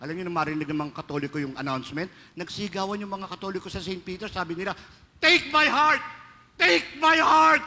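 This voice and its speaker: A priest speaking with a Filipino accent mixes Filipino and English in a light-hearted, anecdotal homily, his voice fairly high and a bit bright. The recording comes from a reverberant, large church with faint ambience and a slight hiss or hum.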